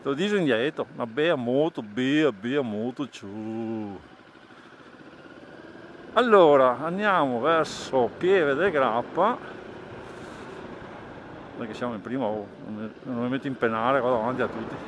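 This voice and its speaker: A man's voice: medium pitch, normal speed. A man chatting casually to viewers as a motovlogger, rambling and repeating his phrases. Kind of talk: casual vlog chat to viewers. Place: outdoors, on and beside a motorcycle. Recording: road and engine noise, helmet action camera.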